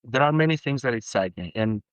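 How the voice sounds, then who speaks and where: A man from Argentina, a perfumer, talking as a guest in a casual interview, halting with many restarts and growing animated when excited. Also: mid-range voice, clear, resonant tone, no echo, rough recording.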